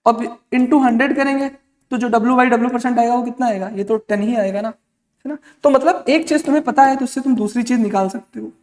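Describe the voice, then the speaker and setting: A male chemistry teacher with a very high, slightly mellow voice lectures at a fairly quick clip to prepare students for exams. He poses questions and answers them himself, addresses the students as "beta," and sprinkles English terms through his speech. The room is echoey, with a long reverb.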